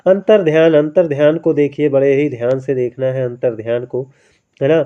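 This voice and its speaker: A man's voice: medium pitch, fairly even intonation, normal speed. A man teaching Hindi spelling in an exam-prep lesson, coaxing and repetitive, often ending phrases with tag questions. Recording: dull lo-fi sound.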